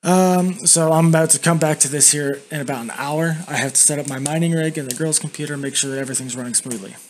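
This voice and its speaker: A man's voice: on the high side, quick pace. Young guy doing a casual screen review, lip full of dip, swears a lot, noisy background. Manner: blunt, casual, frequently swearing. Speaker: YouTube reviewer. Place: indoors at a home computer. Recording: constant background noise.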